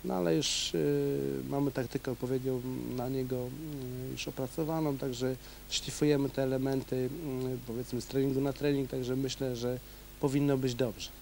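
A man talking in a steady, monotone way as a kickboxing coach, stopping often on "uh" between phrases. A faint hum sits under his voice, as on an old 1990s video tape. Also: mid-range voice, moderate pace, gravelly, low-quality recording. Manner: hesitant, many fillers. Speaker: kickboxing coach and event organizer. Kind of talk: local TV interview.

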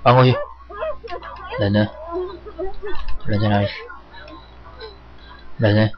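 A man's voice: fairly low pitch, little pitch movement, slow, crowd noise. A man doing casual, cursing commentary while he plays a game, urging characters along. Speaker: gaming streamer. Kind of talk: live gameplay commentary. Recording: dull lo-fi with loud game music. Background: game music.

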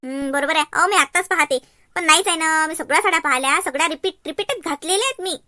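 A woman's voice: very high-pitched, fast, bright, forceful tone, dry recording, studio quality. A woman playing a fussy, chattering young wife with a Varhadi Marathi accent in a cartoon.

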